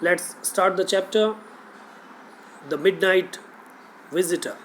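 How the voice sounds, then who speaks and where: A man teaching a chapter, reading English lines slowly and explaining them quickly in Hindi. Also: sits high, fairly bright tone, a little hiss or hum, low-quality recording.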